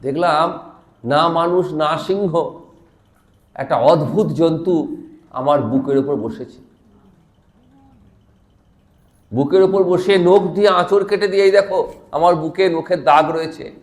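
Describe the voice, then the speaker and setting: A man's voice: on the high side, measured pace, echoey room, lightly acted. A man voicing a frightened, humbled male magistrate who pleads and apologises, told inside a sermon. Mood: confessing.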